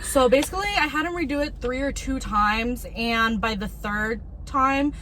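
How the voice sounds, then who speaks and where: A young woman with a slightly high voice tells stories in an informal vlog style. She often acts out what people said. There is faint ambient rumble behind her. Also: normal speed, fairly bright tone. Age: young adult. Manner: informal, frequent "like" and quoted dialogue. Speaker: vlog co-host. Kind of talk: casual chat and storytelling.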